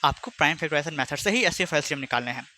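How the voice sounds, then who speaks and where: Bright-voiced chatty maths teacher. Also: male voice, on the high side, lively intonation, racing, a little hiss or hum. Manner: chatty, teasing, speaks both sides of a pupil dialogue. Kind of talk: online class lesson with imagined student back-and-forth.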